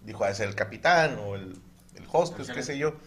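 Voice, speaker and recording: A man's voice: medium pitch, animated, moderate pace, fairly bright tone, slight background noise. A man telling stories in a casual comedic podcast chat and acting out other people's lines. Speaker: podcast co-host.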